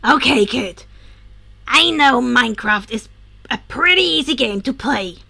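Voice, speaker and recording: A woman's voice: high voice, lively intonation, a little slow, exaggerated voice. Woman voicing a cranky swearing young villain. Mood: exasperated. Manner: gruff, swearing, loud. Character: irritable foul-mouthed young male villain gamer. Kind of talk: podfic character voice.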